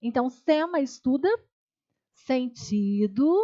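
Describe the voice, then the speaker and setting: A woman's voice: sits high, lively intonation, slow pace, warm tone, muffled recording. A woman with a Brazilian Portuguese accent teaching a grammar lesson for exam prep, explaining step by step, repeating key terms and checking in with her students. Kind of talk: online exam-prep lecture.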